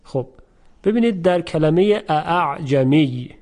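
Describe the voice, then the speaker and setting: Man teaching Quran pronunciation slowly. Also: on the high side, dark tone. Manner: slow, careful, demonstrates sounds by repeating them. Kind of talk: tajweed lesson.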